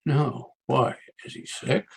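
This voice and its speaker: A husky voice, a man acting a crusty town doctor in a western radio play. He is American and speaks his mind in a wry, needling, emphatic way. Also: mid-range voice, takes it slowly, exaggerated voice. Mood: wry, probing.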